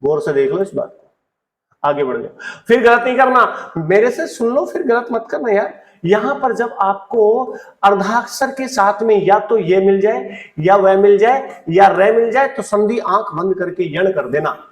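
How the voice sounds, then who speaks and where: A man's voice: sits high, expressive, unhurried, echoey room, far from the mic. A man teaching a Hindi grammar lesson for exam prep. He repeats key points, asks questions and answers them himself, and jokes with students. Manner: playful banter, acts out student questions.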